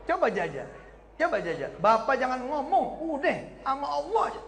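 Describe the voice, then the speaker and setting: A man preaching to a live evening congregation, telling lively jokey stories and acting out every character's lines. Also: extremely high pitch, normal speed, slight background noise. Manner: lively storytelling, acts out dialogue in voices, joking. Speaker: Islamic preacher. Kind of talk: humorous sermon to a live congregation. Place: evening gathering before an audience. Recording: echoey hall with loud background ambience.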